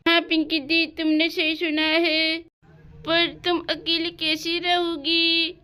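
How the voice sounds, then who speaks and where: A woman's voice: extremely high pitch, monotone, takes it slowly, pushed and bright, exaggerated voice. A woman voicing a stubborn, sulky young girl in a doll-house cartoon story, with a whiny tone. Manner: whiny, petulant.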